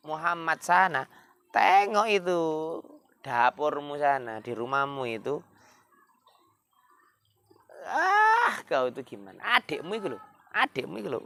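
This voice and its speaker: A man's voice: fairly high pitch, pushed and bright, pitched above the performer's own voice, full character voice. A man voicing a pushy young friend who calls out urgently.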